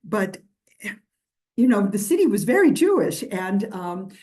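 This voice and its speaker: With big swings in pitch around a medium register, an older historian from New York responds to audience questions in a conversational lecture Q&A. She talks a little slowly and a little mellowly, rambling and restarting often with lots of fillers.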